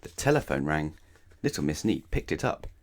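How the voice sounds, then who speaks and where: An extremely low-pitched man with big swings in pitch narrates a bedtime story for kids. He pauses for dramatic effect and asks the listener questions along the way.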